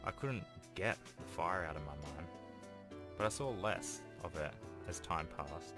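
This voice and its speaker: His low voice is expressive and unhurried as he reads a visual novel aloud, hosting a gaming video in a casual way. Between passages he drops informal, offhand comments, while game music plays underneath.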